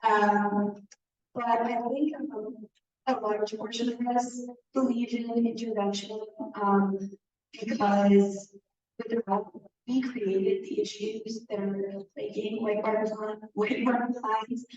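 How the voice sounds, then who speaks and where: A woman's voice: a little high, steady tone, slow pace, darkish tone. A young woman from Wisconsin, a student answering audience questions with many hesitant ums. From Madison, Wisconsin. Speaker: student presenter. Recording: roomy, distant, dull recording.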